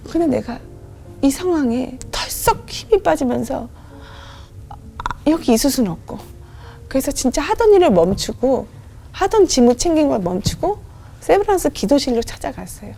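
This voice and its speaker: A woman's voice: sits high, normal speed, vocal fry, faint music behind. A woman guest on a studio talk show, telling an emotional personal testimony and acting out the dialogue in it. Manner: animated, acts out remembered dialogue. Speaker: guest singer giving a testimony.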